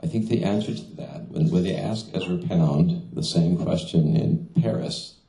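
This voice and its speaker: At a reading in a small venue, a middle-aged translator chats casually, using lots of fillers and restarting often. His voice is low, gravelly, and dark, at a moderate pace, picked up by a stand mic in front of him as he sits, in an echoey room.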